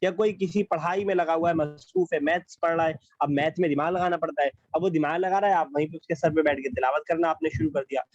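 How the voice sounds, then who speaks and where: A man's voice: a little high, few pauses, no room sound, muffled recording. A man teaching an online class, explaining patiently over a video call and repeating key phrases.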